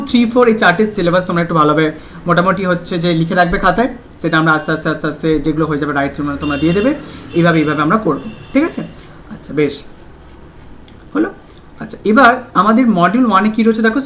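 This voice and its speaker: ধীরে ইংরেজি পড়ে বাংলায় বোঝানো শিক্ষক. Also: male voice, sits high, fairly bright tone. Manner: explains in Bengali, reads English syllabus slowly, often asks "ঠিক আছে?". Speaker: teacher. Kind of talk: online class lecture.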